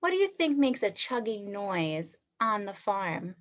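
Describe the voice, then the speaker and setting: A woman's voice: medium pitch, very animated, a little slow, muffled recording. A woman teacher giving an online read-aloud lesson to young children, asking them questions and praising their answers.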